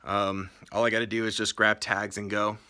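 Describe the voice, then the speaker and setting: A man's voice: fairly low pitch, flat delivery, moderate pace, sharp tone, smooth. A man giving a casual, plain-spoken explanatory tour of his reselling workspace inside a warehouse. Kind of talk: casual walkthrough vlog. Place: indoors in a warehouse.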